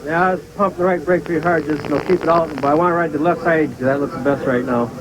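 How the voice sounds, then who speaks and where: A male competitor with a fairly high voice talks quickly in a casual trackside interview. He is plain and informal, with clear vehicle noise outdoors. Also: fairly even intonation. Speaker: tractor pull driver, interviewee. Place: outdoors beside a tractor pull track.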